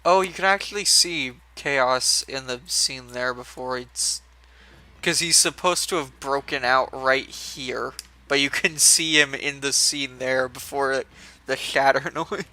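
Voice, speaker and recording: A man's voice: medium pitch, a little slow, bright, forceful tone. A young man casually commenting while streaming a video game, rambling with fillers and restarts.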